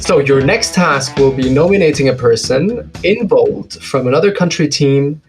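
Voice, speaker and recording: Guy from syria hosting a podcast, bit of fry in his voice, keeps restarting his sentences. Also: medium pitch, lively intonation, faint music behind, poor audio. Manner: halting, repeats words while searching for phrasing. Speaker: podcast host. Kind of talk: casual interview. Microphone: remote call.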